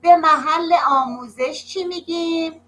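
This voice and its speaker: A woman teacher leading an online class for young children, slow and patient, drawing words out and praising often, heard over a video call. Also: very high-pitched, pushed and bright, poor audio. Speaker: primary school teacher.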